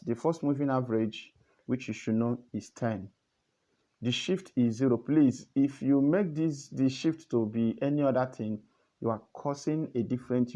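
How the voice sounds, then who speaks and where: A man's voice: medium pitch, warm tone, lo-fi sound. A man teaching a trading method in a casual, earnest tutorial, repeating himself and asking the listener questions. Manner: repetitive, earnest, coaxing questions.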